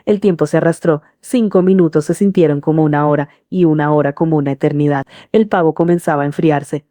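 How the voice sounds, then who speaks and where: A middle-aged woman reads a first-person story in a calm, earnest manner. Her voice is low and dark-toned. The recording is close and dry. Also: brisk, no room sound. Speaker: narrator. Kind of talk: scripted first-person narration.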